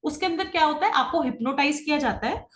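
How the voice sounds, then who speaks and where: A middle-aged woman teaching an online spiritual class, talking fast and often checking that her students follow. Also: sits high, a bit bright, roomy sound. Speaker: Akashic records teacher. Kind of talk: online class lecture, Hindi-English mix.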